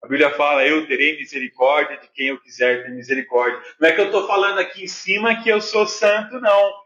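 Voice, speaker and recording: Brazilian male pastor, middle-aged, high voice, chatty sermon style, muffled echoey church recording. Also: quick pace. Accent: Brazilian Portuguese. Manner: animated and conversational, jokes with the congregation. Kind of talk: sermon with personal stories. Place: church hall. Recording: echoey church, dull lo-fi sound.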